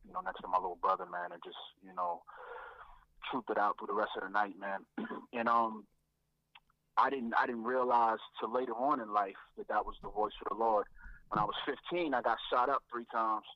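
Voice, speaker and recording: Man, low voice, reflective storytelling, repeated words and fillers, dry muffled phone sound. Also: fairly even intonation, normal speed, no room sound. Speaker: guest rapper. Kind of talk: telling his faith story.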